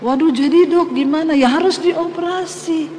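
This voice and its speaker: A woman's voice: extremely high pitch, normal speed. A woman in her fifties, a pastor, preaching a sermon as a personal testimony and acting out the voices in her story. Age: 50s. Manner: animated storytelling, acts out dialogue. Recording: long hall reverb, faint ambience.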